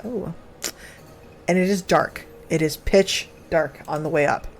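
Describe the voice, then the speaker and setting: A woman's voice: low-pitched, a little slow, a little hiss or hum. A woman running a tabletop game as game master, narrating in a rambling way with fillers and self-corrections.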